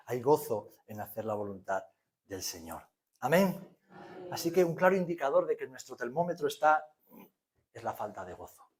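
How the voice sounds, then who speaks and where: A pastor in his forties with an accent from Spain, preaching to his church. He drops to near quiet and then rises to loud peaks. His voice sits at an average pitch for a man. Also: very animated, moderate pace. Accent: Spanish from Spain. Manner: preaching with sudden swings from hushed to loud. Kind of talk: sermon.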